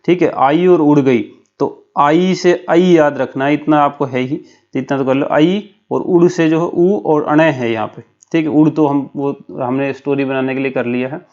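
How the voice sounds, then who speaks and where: A man's voice: on the high side, a little mellow, muffled recording. A man teaching a lesson for an exam, explaining step by step with a memory story and often checking in with his listeners.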